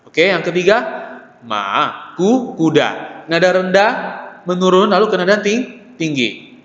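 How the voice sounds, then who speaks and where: A man's voice: sits high, fairly bright tone. Patient male language teacher in an echoey room. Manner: patient, repeats syllables and checks in with "ya" and "oke". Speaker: Mandarin teacher. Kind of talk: classroom lesson explaining Mandarin tones. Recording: echoey, dull, lo-fi room recording with long reverb.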